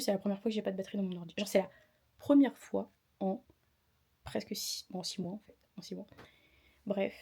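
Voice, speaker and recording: A woman's voice: medium pitch, dark tone, husky. A young woman vlogging about her day as a student, tired, and retelling a clash with a teacher in a chatty, indignant way. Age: young adult. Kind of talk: casual vlog storytime.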